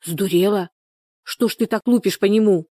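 A woman voicing a practical village woman friend who talks briskly and coaxingly with concern. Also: lowish voice, dark tone, dry recording, clean studio sound, lightly acted.

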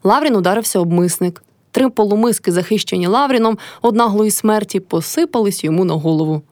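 A woman reading a classic novel aloud in an expressive narrating voice. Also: mid-range voice, fast, no echo, studio quality. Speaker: reader.

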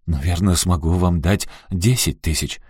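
A man's voice: sits low, darkish tone, breathy edge, dry recording, studio quality. A man reading an audiobook and voicing a bewildered, anxious middle-aged man. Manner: bewildered, plaintive, slow.

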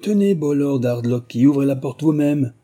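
A man voicing an insolent, defiant young boy in a storybook reading, loud and defiant. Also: lowish voice, a little fast, slightly rough. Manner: raised, shouting, defiant.

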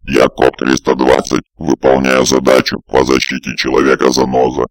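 A man voicing an emotionless male combat robot that speaks in gravelly, clipped monotone reports for an audiobook. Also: a bass voice, normal speed, dry recording, voice pushed down. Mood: flat robotic. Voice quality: gravelly, creaky. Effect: heard through the robot's external speaker. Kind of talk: audiobook narration.

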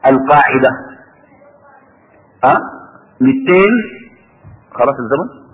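Husky, lively Sudanese man teaching. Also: medium pitch, measured pace. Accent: Sudanese Arabic. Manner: animated, poses questions and answers them himself. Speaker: Islamic scholar teaching a class. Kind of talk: religious lesson to students. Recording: reverberant hall, dull lo-fi sound.

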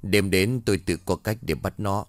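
A man voices an old village exorcist, calm and grave. He speaks in a deep, low voice with solemn, measured explanations. The sound is dry and close. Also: no room sound, natural voice.

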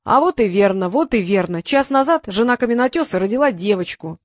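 A woman's voice: mid-range voice, animated, a little fast, no echo, clean studio sound, natural voice. A woman voicing a boastful, pedantic male dragon who loves riddles, speaking in a raised, emphatic, pompous way.

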